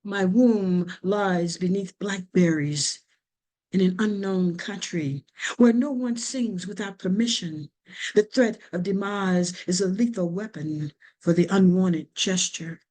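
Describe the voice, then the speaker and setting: A woman poet reciting her spoken word pieces slowly and deliberately over a video call. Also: mid-range voice, a little mellow. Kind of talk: spoken word poetry reading.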